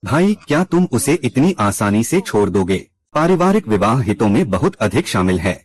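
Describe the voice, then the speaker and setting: A man's voice: fairly low pitch, big pitch swings, moderate pace. A man narrating a drama recap in a scripted way, reading out every character's lines himself.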